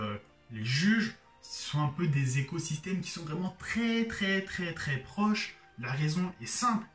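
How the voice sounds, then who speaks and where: A man's voice: on the high side, echoey room, far from the mic. A man from France explaining things in a slangy, joking vlog with lots of fillers. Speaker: YouTuber explaining Korean society.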